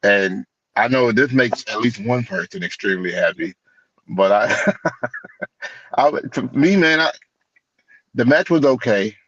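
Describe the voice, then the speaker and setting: A man's voice: mid-range voice, expressive, a little slow, pauses often, a bit bright, no echo, lo-fi sound. A man co-hosting a casual wrestling podcast, speaking in a laid-back, hesitant way with many restarts. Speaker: podcast co-host.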